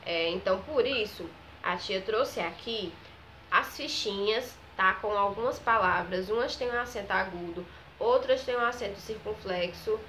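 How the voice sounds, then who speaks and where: A woman, teaching a children's grammar lesson. She talks slowly, stretches out each example word, and keeps checking in with the class. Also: medium pitch, a bit bright, slight background noise. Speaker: primary school teacher.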